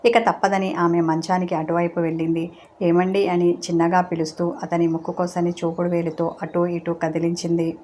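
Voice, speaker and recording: A woman's voice: lowish voice, level tone, fairly quick, dark tone, slight background noise. A woman reading a romantic serial story aloud, voicing every character's lines in her own voice. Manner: reads all characters' lines in her own voice with little change. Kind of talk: scripted story narration.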